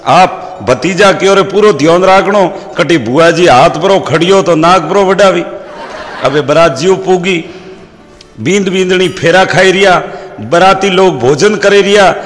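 A man's voice: high-pitched, a little slow. A man with a Rajasthani accent, a comedian telling folksy comic stories, quoting proverbs and voicing characters. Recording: long hall reverb.

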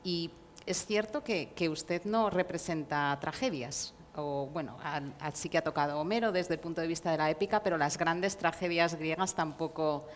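A woman moderating a panel, asking formal interview questions in a measured, academic way, recorded in a reverberant hall with faint noise. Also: low voice.

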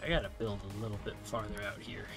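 A man's voice: fairly low pitch, steady tone, fast talker, over music. Man muttering through a strategy game. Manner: mumbling to himself while playing. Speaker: gameplay video creator. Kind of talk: casual gameplay commentary.

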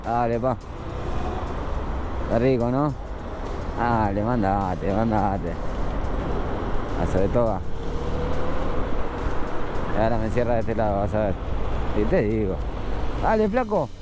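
A man's voice: on the low side, lively intonation, takes it slowly, pauses often. A young man with a Buenos Aires accent, riding a motorcycle through city traffic and joking and swearing as he talks to the camera. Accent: Buenos Aires Spanish. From Argentina. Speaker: motovlogger. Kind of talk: casual riding commentary. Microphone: helmet-mounted action camera.

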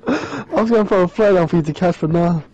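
A man chatting calmly with a friend during a game, making short, dry remarks. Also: sits high, a little fast, highs cut off. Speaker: co-player. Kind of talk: casual gameplay chat.

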